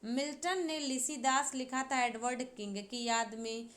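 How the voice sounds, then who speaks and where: A woman teacher works through exam questions in an unhurried way. She goes step by step and keeps checking that her students follow. Her voice sits high. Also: steady tone, fairly bright tone. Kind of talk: exam-prep literature lesson.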